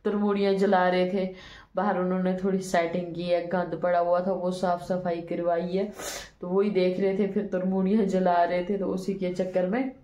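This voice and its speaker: Young female vlogger, hoarse and feverish, tired and rambling, recorded on a phone in an echoey room. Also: lowish voice, little pitch movement, normal speed, mellow. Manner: weary, sleepy, rambling. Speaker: vlogger and street cart vendor. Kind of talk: casual vlog talk to camera. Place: small room at home, indoors. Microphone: phone held by hand.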